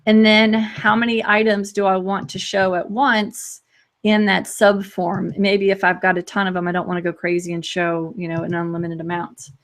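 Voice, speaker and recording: A woman hosts a live screen-share walkthrough of software, speaking quickly in a casual, chatty way. She often breaks off and restarts sentences and laughs lightly as she moves between points. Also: medium pitch, little pitch movement. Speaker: host demonstrating software.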